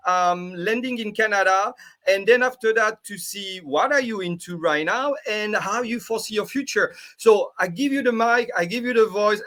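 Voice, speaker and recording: French guy hosting a live stream chat, high bright voice, super excited. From France. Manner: enthusiastic, excitable. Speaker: host. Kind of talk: live online interview.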